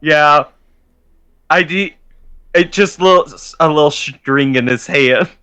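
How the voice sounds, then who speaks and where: A man's voice: on the high side, slow, pushed and bright, clear, resonant tone. A man joining a stream as a guest, chatting in an easygoing, jokey way over a voice call. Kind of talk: casual chat. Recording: lo-fi voice call audio.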